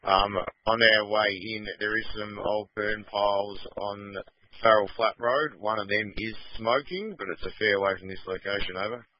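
A man reporting in over a walkie-talkie radio, in flat, procedural radio call style. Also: lowish voice, normal speed. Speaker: fire crew radio operator. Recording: muffled lo-fi dry radio.

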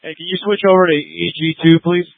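A man's voice: on the high side, steady tone, a little fast, no room sound. A man making brief requests over a walkie-talkie radio. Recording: tinny dry radio line.

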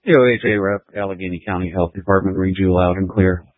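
A man answering a radio roll call over a two-way radio with flat, clipped replies. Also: low voice, quick pace, no room sound. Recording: tinny dry radio transmission.

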